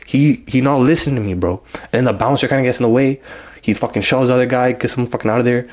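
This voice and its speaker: A man's voice: medium pitch, quick pace, darkish tone. A young man telling a casual storytime, rambling in heavy slang and acting out what people said. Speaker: vlogger.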